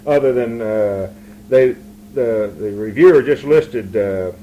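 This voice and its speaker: A man with a medium-pitched voice conducts a casual, conversational interview. He rambles and interrupts himself as he goes. The old amateur recording carries clear background noise. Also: slow, warm tone, highs cut off.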